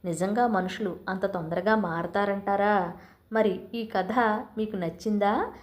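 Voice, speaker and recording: A woman reading a short story aloud and chatting gently with her listeners as the host of her own channel. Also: medium pitch, fairly even intonation, unhurried. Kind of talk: scripted story narration. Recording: roomy echo.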